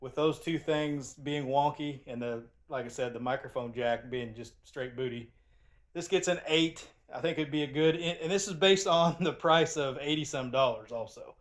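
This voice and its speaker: A man's voice: a little high, normal speed. A man giving a casual, rambling product review as the channel's host, often restarting his sentences. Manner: chatty and rambling, with frequent restarts.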